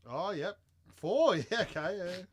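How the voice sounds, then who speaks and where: A man's voice: sits high, lively intonation, unhurried, breathy edge. A young Australian man co-hosting a podcast, telling stories in a blunt, rambling, slangy way. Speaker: podcast co-host. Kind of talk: casual chat.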